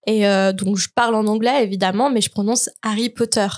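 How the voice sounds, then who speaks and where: A woman's voice: mid-range voice, steady tone, fairly quick, a little mellow. A French woman co-hosting a casual podcast, telling stories with many hesitations and fillers. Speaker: podcast co-host. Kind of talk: casual chat, telling an anecdote.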